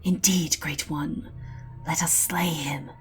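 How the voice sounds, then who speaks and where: A woman voicing a reverent, servile reptilian scribe in an epic fantasy story, in a slow, fawning, breathy whisper. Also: low voice, fairly even intonation, soft background music. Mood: reverent, deferential.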